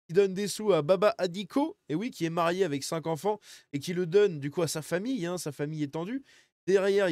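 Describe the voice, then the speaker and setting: A man's voice: on the high side, darkish tone, dry recording, clean studio sound. A man giving casual commentary on images he is showing, in crude slang with many fillers and joking asides. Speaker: video commentator.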